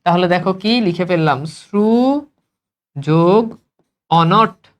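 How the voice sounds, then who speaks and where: A man's voice: high voice, slow pace. Man drilling students in a grammar lesson. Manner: drills students with repeated questions and answers. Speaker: teacher. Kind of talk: exam-prep grammar lesson.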